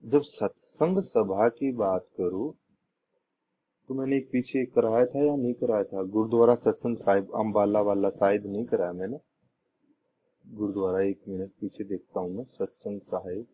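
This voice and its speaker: Young male tutor, deep-ish voice, repetitive quiz-style delivery, dull lo-fi recording with faint hiss. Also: steady tone, normal speed. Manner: repetitive, asks rhetorical questions and answers them. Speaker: teacher. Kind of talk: exam-prep lesson teaching memory tricks.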